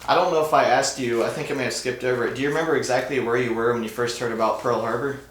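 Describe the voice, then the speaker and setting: A man's voice: medium pitch, steady tone, racing, a bit bright. A man asking questions casually as an interviewer. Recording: roomy, echoing interview recording.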